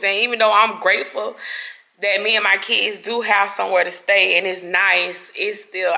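Tearful woman giving a gravelly house tour. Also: mid-range voice, sharp tone. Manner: tearful, exclaiming, addresses viewers as y'all. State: crying. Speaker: vlogger. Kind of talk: emotional house tour vlog. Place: empty new house, indoors.

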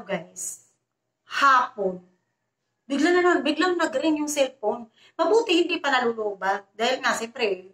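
A woman vlogger tells a story in a casual, chatty way, often turning to her viewers. Her voice is high and bright. The sound carries a roomy echo. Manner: chatty, repeatedly addresses viewers.

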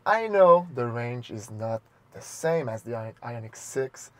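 A man's voice: medium pitch, animated, measured pace, fairly bright tone, no room sound. Guy, blunt car opinions, normal mid voice. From Canada. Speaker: car review co-host. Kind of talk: casual car review chat.

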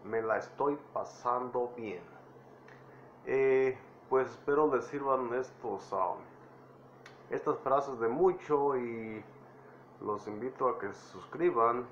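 A man's voice: mid-range voice, slow pace, pauses often, a bit bright, muffled recording, slight background noise. A man giving an online language lesson, repeating each phrase and often checking with "ok?". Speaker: English teacher.

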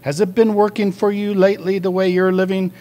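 A man voicing a booming, preachy male rehab group leader who asks leading questions. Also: little pitch movement, brisk, mellow, natural voice.

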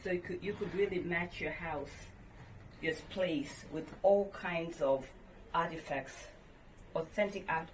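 A middle-aged woman from Tanzania, a gallery owner giving a guided tour of her shop with a friendly sales pitch. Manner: warm sales pitch, showing items. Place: indoor gallery in a home. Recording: roomy and distant with background noise.

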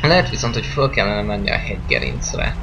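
A man's voice: on the low side, wildly swooping pitch, gravelly, noisy background. A man giving casual, rambling let's-play commentary on a game, joking and chatting with the game's characters. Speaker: gameplay commentator.

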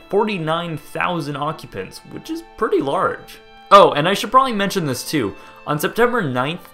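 Narrating casually over documentary footage, a lively young American host speaks in a mid-range voice. He is jokey and excitable, swears, and trips over place names.

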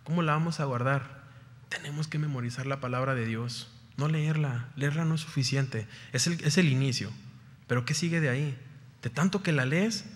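A man's voice: mid-range voice, moderate pace, big-room sound. A man preaching a sermon, firing rhetorical questions and rising to fervent peaks. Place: church sanctuary.

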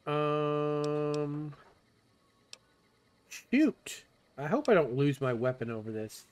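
A man's voice: a little high, very slow, clean tone, soft background music. A man hosting a gameplay video, casually thinking aloud as he plays. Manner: thinks aloud, echoes game dialogue. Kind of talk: casual game commentary.

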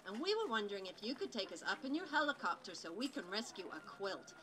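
A woman's voice: mid-range voice, sing-song, fast talker, a bit bright, rough recording. A woman voicing a cheerful, helpful little girl explorer puppet, chirpy, instructive and sing-song, in a live children's show. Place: outdoor farmyard puppet booth.

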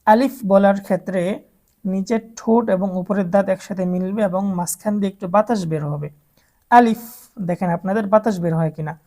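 A woman's voice: mid-range voice, quick pace, mellow. A woman teaching Quran reading to adult beginners, drawing out each letter sound patiently and coaching listeners to repeat after her. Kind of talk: slow step-by-step recitation lesson.

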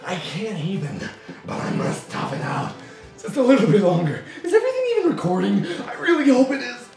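A man's voice: extremely high pitch, huge pitch swings, quick pace, creaky. A young man shivering with cold as he gives agitated, exclamatory game commentary in a strained, freezing voice. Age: young adult. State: freezing cold in an ice bath. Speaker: video host playing a game. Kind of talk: excited let's play commentary. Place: small tiled bathroom, in a bathtub. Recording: echoey bathroom, distant mic, faint music.

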